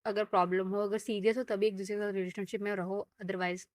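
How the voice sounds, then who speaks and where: A woman's voice: medium pitch, brisk, dry recording. Chatty young woman ranting, dry close sound. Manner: animated, ranting, mixes Hindi with English. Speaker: vlogger and storyteller. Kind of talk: casual chatty vlog, retelling a story.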